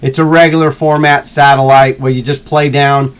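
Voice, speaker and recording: A man's voice: medium pitch, level tone, normal speed, clear, resonant tone, rough recording. A man hosting a live stream, chatting casually and explaining details at length. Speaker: stream host.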